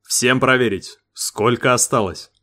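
A man's voice: medium pitch, unhurried, bright, forceful tone. A man voicing a cool-headed male expedition commander who gives curt orders. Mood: stern.

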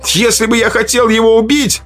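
A man's voice: extremely high pitch, little pitch movement, a little fast, fairly bright tone, soft background music, voice pushed up. Man doing an insistent young tribesman. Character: young male tribesman, stubborn healer standing his ground.

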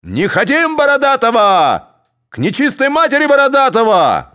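A man shouting as a roaring drunken Cossack mob. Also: extremely high pitch, wildly swooping pitch, moderate pace, smooth, pitched above the performer's own voice, exaggerated voice. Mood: bellowing. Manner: bellowing, jeering shouts.

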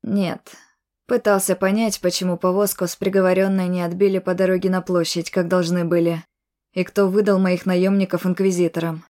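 Female narrator doing arrogant noble brother-mage; low, monotone, mocking. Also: normal speed, lightly acted. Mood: cool.

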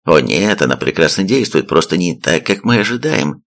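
Guy reading a calm doctor, deep gravelly voice, measured. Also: heavily acted. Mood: clinical. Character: calm, clinical doctor, adult man.

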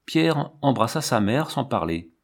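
A man reading a classic novel aloud as narrator, in a measured, even manner. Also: mid-range voice, vocal fry. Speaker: audiobook narrator. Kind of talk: scripted narration.

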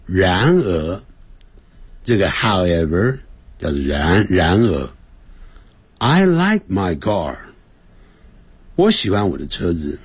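Slow, lively-voiced male radio English teacher. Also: low voice, breathy edge, no room sound. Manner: explains slowly, reads English sentences for listeners to repeat. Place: radio studio.

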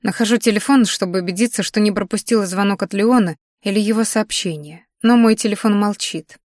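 A woman's voice: mid-range voice, brisk, darkish tone, dry recording, studio quality. A woman reading a first-person romance novel aloud, intimate and emotional in tone. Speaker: audiobook narrator.

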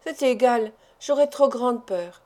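A woman's voice: fairly high pitch, slow pace, mellow. A woman voicing a frightened young wife hiding a secret, speaking in a fervent, pleading way. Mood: fearful.

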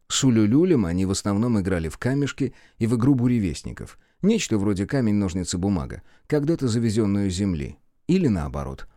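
A man reads a story aloud in an expressive, lively way. His voice rises and falls with plenty of melody and has a warm, mellow tone. The recording is dry and close-miked. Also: lowish voice, no room sound. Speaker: audiobook narrator.

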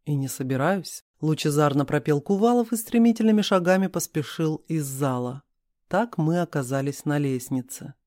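A man reading a novel aloud as an audiobook narrator, with an expressive delivery. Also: on the high side, normal speed, dry recording, studio quality.

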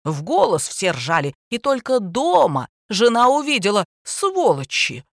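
A man's voice: sits high, huge pitch swings, a little slow, fairly bright tone, no room sound, studio quality, exaggerated voice. A reader voicing a pompous, angry male history teacher who rants with indignation. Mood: aggrieved. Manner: indignant, ranting.

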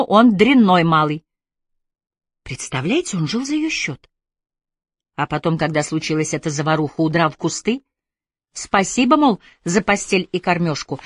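A woman's voice: fairly low pitch, dry recording, studio quality. A woman reading an audiobook voices a cheeky, chatty young actress with breezy banter. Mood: indignant.

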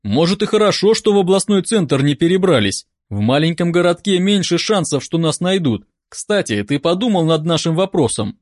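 A man's voice: on the high side, very animated, normal speed, hardly any pauses. A man voicing a wry, teasing male clone of the hero in an audiobook. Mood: surprised. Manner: teasing, knowing.

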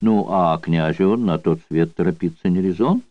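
A male audiobook reader voicing an unhurried, slangy convict storyteller who mocks with coarse barracks slang. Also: deep voice, no echo, voice pushed down, lightly acted. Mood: mocking. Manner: coarse barracks slang, mocking yarn-spinning. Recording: dull dry studio recording.

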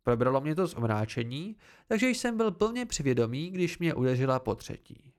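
Lively amateur male audiobook reader. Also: on the high side. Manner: expressive first-person storytelling. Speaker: audiobook narrator.

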